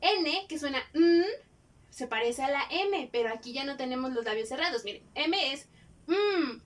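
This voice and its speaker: A woman teacher, giving a phonics lesson to young children and sounding out each letter slowly and clearly. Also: sits high, animated, a bit bright, far from the mic.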